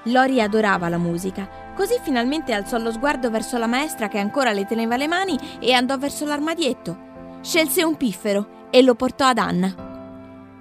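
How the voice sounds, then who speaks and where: A woman narrating a children's story in a clear, expressive way. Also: on the high side. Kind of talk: storybook reading.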